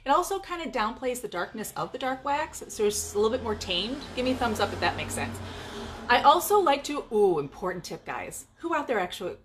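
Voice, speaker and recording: A woman's voice: fairly high pitch, big pitch swings, fairly quick, slight background noise. Chatty upbeat woman in her garage. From California. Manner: chatty and upbeat, talking to viewers. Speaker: furniture painter and paint business owner. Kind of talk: casual live-stream demonstration. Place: home garage.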